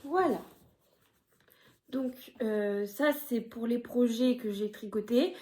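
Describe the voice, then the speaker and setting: A woman casually chatting on her knitting podcast, showing her projects with a hesitant, filler-heavy way of talking and the odd soft aside. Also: a little high, slow.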